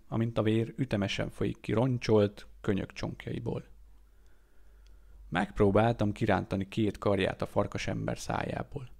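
A man narrates an audiobook with a steady, measured delivery. His voice sits low and carries a gravelly edge of fry. It is a plain amateur reading. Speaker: audiobook reader.

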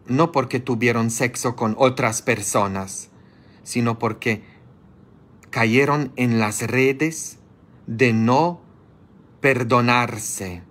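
A man preaching as a priest, scolding his listeners with fervor and breaking into sudden high-pitched outbursts. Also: fairly bright tone. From grew up as a child of immigrants. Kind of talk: sermon. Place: church, streamed live.

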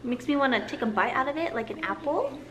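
Talking fast with lively intonation, a woman in her thirties shows her grocery haul on her home vlog, her voice high and fairly bright. Upbeat and chatty, she stretches some words out. The camera captures roomy living-room audio with background hiss.

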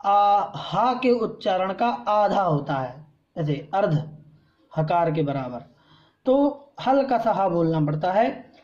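Man, scripture teacher, very slow delivery, patient step-by-step explaining, dull lo-fi recording. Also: high voice, darkish tone. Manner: patient, explains step by step, recites verses slowly. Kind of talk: slow recitation lesson with pronunciation drill.

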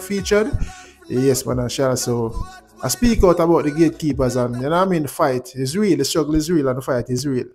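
Higher-pitched Jamaican man in Rasta speech. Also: a little mellow. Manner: Rasta speech with Jamaican Patois, blessings and repeated "yeah man" tags. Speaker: YouTube channel host. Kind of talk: casual music commentary in Rasta speech.

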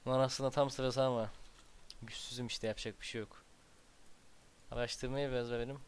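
Male gameplay commentator, smooth clear voice, mid pitch, mutters and vents at the game. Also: little pitch movement, a little fast. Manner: muttering to himself, exasperated outbursts. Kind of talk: casual strategy game commentary.

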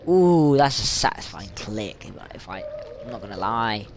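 A man playing a video game, reacting with loud excited exclamations as he comments. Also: lowish voice, moderate pace, background noise. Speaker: gamer. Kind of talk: let's play commentary. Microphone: headphones, at home in the dark.

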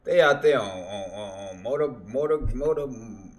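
A man's voice: mid-range voice, lively intonation, normal speed. Young man cracking jokes in a reaction. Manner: joking, teasing asides. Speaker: streamer reacting to a video. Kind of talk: reaction commentary. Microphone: gaming headset.

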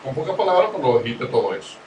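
A man's voice: mid-range voice, sing-song, quick pace, darkish tone, a little hiss or hum. A man with a Dominican accent hosting an interview, asking long, winding questions. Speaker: interviewer, host. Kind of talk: conversational interview. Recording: roomy, distant mic.

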